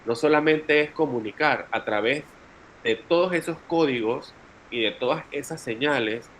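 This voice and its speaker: A man's voice: mid-range voice, normal speed, a bit bright, a little hiss or hum, poor audio. A man with a Panamanian Spanish accent leading a teacher training session, explaining at length and calling on participants by name. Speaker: workshop facilitator.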